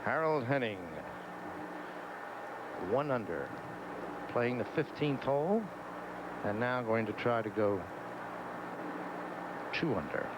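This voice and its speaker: Male golf commentator over loud outdoor noise. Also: mid-range voice, expressive, slow pace, long pauses. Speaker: golf play-by-play announcer. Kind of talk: live televised golf commentary.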